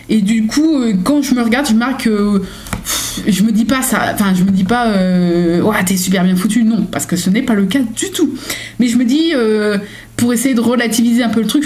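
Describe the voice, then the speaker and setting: Chatting on her home vlog, a young woman works through daily journal prompts, answering with lots of filler words and jokes at her own expense. She has a fairly high, slightly mellow voice.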